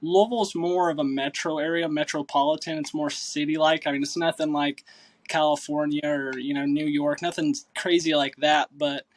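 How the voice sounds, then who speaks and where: A man's voice: fairly high pitch, moderate pace, slight background noise. A man in his thirties from Kentucky with a Southern accent, chatting casually as a podcast guest and rambling with lots of uh and um. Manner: relaxed, rambling with many uh and um. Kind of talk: casual chat.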